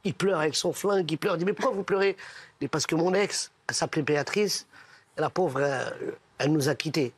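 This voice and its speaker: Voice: medium pitch, fairly quick, husky, no room sound. A person telling jokes casually among friends, switching voices for each character. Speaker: joke teller.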